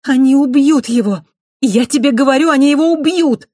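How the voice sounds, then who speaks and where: A reader voicing a distraught young woman who speaks loudly and high, close to crying. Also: brisk, no room sound, close to an everyday voice. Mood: frantic. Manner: loud, high, near shouting.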